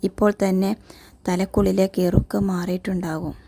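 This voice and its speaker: A woman's voice: lowish voice, fairly even intonation, moderate pace, creaky, dark tone. A woman retelling a TV serial episode in a chatty, casual way, often closing her sentences with a friendly tag. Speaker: serial recap host.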